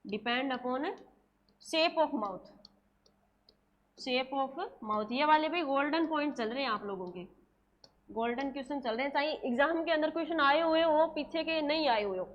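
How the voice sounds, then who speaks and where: A woman teaching a coaching class, asking questions and answering them herself, slowing down to dictate terms word by word. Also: high-pitched, dull audio. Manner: drills students with repeated questions and answers; slows right down to dictate English terms word by word. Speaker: nursing exam coaching teacher. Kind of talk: classroom lecture, dictating notes.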